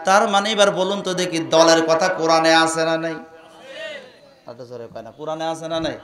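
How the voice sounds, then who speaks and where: A man preaching a sermon, swinging from quiet questions to loud chanted outbursts and urging the crowd to answer louder. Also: on the high side, steady tone, brisk. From Bangladesh. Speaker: preacher at a religious gathering. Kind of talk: impassioned Islamic sermon with sung passages. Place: large religious gathering. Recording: echoey venue with faint music.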